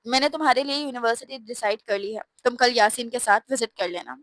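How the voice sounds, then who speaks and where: A woman's voice: a little high, dry recording, studio quality, lightly acted. A woman voicing a spirited young wife. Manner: lively, quick to bristle.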